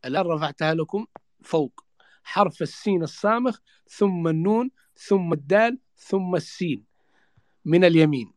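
A man's voice: a little high, lively intonation, moderate pace, a little mellow, no room sound. Emphatic lecturing man, dry sound. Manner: emphatic, lecturing, with repeated rhetorical refrains. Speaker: speaker on Yemeni history. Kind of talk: impassioned talk in an online voice chat.

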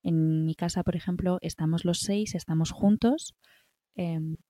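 A middle-aged woman from Spain, speaking with a Spanish accent, offers warm, encouraging self-care advice as a wellbeing guest, often checking in with little tag questions. Her voice is fairly low and steady, a little slow, with a warm tone. The recording is dry and clean, with a studio sound.

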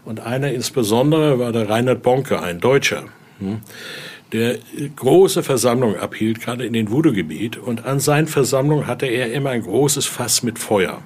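Animated and slightly rough, a man's mid-range voice carries at normal speed as he shows visitors his Voodoo altar exhibition. He's both guide and collector, telling stories on a relaxed tour and habitually closing sentences with quick tag questions.

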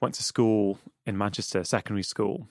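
This thoughtful Mancunian podcast host talks a little fast in a steady, lowish voice, conducting an earnest, reflective interview and frequently dropping in "you know." He's English, from Manchester, and the studio-quality audio has no room sound.

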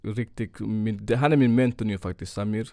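Man, from Gambia, non-native Swedish, gravelly, dry close sound, animated storyteller. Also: on the low side, no room sound. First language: not Swedish. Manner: animated storytelling, mixes in English phrases. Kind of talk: casual podcast chat.

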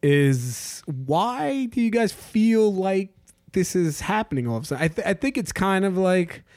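A man's voice: high voice, sing-song, measured pace, a little mellow, no echo, studio quality. A man hosting a casual podcast chat, laughing often and talking with many fillers. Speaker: podcast host.

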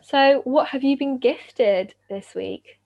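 A woman's voice: high voice, takes it slowly, creaky, dull audio. A woman co-hosting a podcast in casual chat, playful and teasing. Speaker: podcast co-host.

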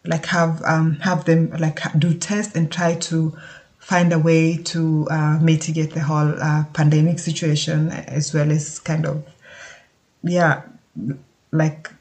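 Halting speaker. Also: mid-range voice, a little mellow. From Kenya. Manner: halting, thoughtful, searches for words. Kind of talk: casual spoken update.

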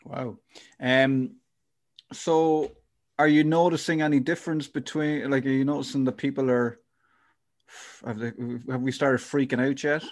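A man's voice: mid-range voice, fairly even intonation, measured pace, pauses often. A man hosting a casual podcast interview, informal and rambling as he thinks aloud.

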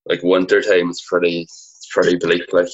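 Low, flat-toned young Donegal Irish man. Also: normal speed, slightly rough, lo-fi sound. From Donegal, north-west Ireland. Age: 20s. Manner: colloquial, peppers sentences with 'like'. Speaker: podcast guest, amateur Gaelic footballer. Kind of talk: casual chat.

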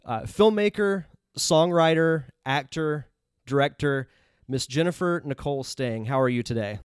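A man's voice: fairly high pitch, normal speed, smooth, dry recording, studio quality. A man hosting a podcast while fighting a cold, his voice stuffy and a little nasal, chatting upbeat with plenty of fillers. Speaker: podcast host. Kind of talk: casual podcast interview.

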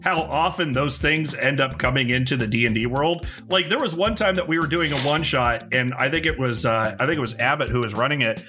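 A man's voice: mid-range voice, brisk, few pauses, sharp tone, soft background music. A man co-hosting a podcast, telling a rambling casual story with lots of fillers and swearing. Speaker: podcast co-host. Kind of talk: casual chat.

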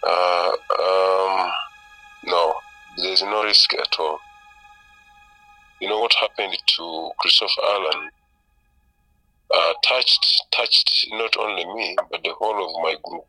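Man, disguised deep voice, very low pitch, phone call, hesitant, lots of fillers. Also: sharp tone, soft background music. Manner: hesitant, halting with many fillers. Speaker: source speaking on a call. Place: refugee camp.

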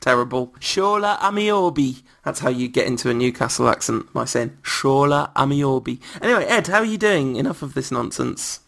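A man's voice: mid-range voice, quick pace, gravelly, few pauses, fairly bright tone. A man hosting a casual football podcast, talking in a rambling, self-mocking way with many restarts. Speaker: podcast host.

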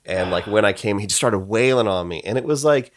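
A man's voice: on the low side, expressive, fairly quick. Man telling stories in casual chat. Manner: rambling storyteller, swears freely.

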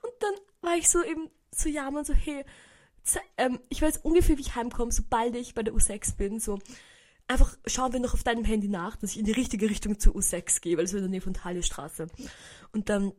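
A woman's voice: fairly high pitch, fairly even intonation, fairly quick, a little mellow. A young woman with a Viennese accent, telling a story in a casual podcast monologue, chatty, addressing her listeners directly and sprinkling in English slang. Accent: Viennese Austrian German. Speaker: podcast host.

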